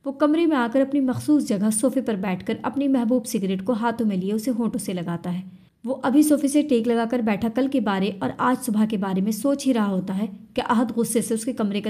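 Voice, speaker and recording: Woman narrator with mellow tone. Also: fairly high pitch, fairly quick. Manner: steady storytelling. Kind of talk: scripted narration.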